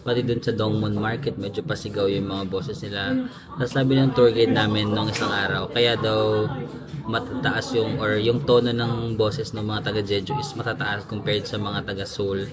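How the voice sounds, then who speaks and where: A man's voice: fairly low pitch, level tone, moderate pace, over loud music. Young filipino guy doing a chatty travel vlog, playful and easygoing, filipino accent. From Philippines. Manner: chatty, playful, self-narrating. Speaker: travel vlogger.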